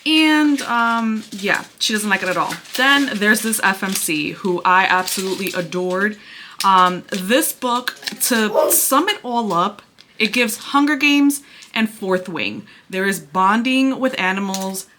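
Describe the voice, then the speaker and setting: A woman chatting casually through a book review to camera, sounding breathy and out of breath. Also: medium pitch, unhurried, bright, forceful tone, a little hiss or hum. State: out of breath from pregnancy.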